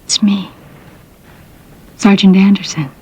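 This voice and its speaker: An actress playing a firm but concerned police sergeant in a TV drama, questioning softly and bluntly. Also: female voice, medium pitch, fairly even intonation, slow pace, breathy edge. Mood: concerned, probing. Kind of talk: naturalistic TV police drama acting.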